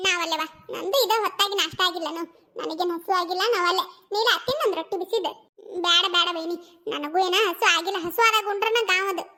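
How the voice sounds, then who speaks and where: A woman's voice: extremely high pitch, brisk, pushed and bright. A woman voicing bickering village women in a cartoon family, with a North Karnataka accent. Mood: coaxing. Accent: North Karnataka Kannada. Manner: scolding, teasing banter.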